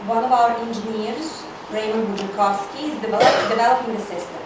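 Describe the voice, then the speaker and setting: Cold reading a screenplay in an indoor reading hall, a woman takes on the bossy, dryly sarcastic part of a domineering, haughty corporate older sister. Her voice is on the high side, fairly quick and close to everyday speech. The distant recording is echoey with loud noise.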